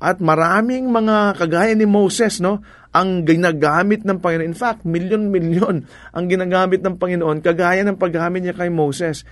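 With a Filipino accent, a man preaches a sermon conversationally, mixing in English and posing rhetorical questions. His voice is high-pitched and steady, at a normal pace, and the recording is dry.

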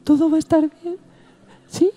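A man's voice: very high voice, little pitch movement, normal speed, warm tone, voice pushed up. A man putting on the voice of an anxious woman passenger who keeps asking for reassurance. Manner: fretful, seeking reassurance.

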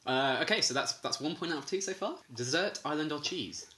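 A man's voice: a little high, expressive, a little fast, sharp tone. A man hosting a casual quiz, reading out answers plainly with jokey asides. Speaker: quiz host. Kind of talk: casual game chat. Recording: echoey room, faint noise.

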